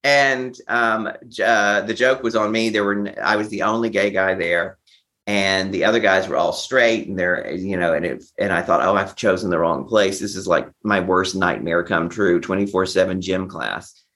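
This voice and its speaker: The speaker is a man whose low-pitched, fairly bright voice moves at a normal speed. As an interview guest and memoir author, he relates a personal story openly, with a theatrical streak that has him voicing the quotes he recounts.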